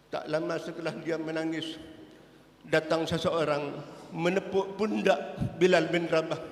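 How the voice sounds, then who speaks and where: A man preacher telling a sacred story in a sermon, shifting from hushed tones to shouted cries. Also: high-pitched. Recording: echoey hall with long reverb.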